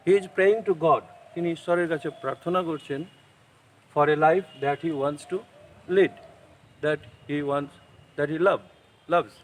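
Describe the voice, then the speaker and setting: Slow, deliberate Bengali-accented male teacher. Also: on the high side, low-quality recording. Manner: slow, deliberate explaining, mixing English with Bengali. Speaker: school English teacher. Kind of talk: online class lecture.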